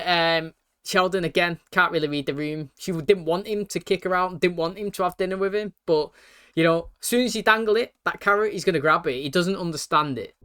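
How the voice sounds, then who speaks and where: A man's voice: fairly high pitch, pushed and bright, smooth, no room sound. A man giving casual, chatty episode commentary as a reaction video host, in colloquial language. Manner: chatty, colloquial, checks in with "you know what I mean".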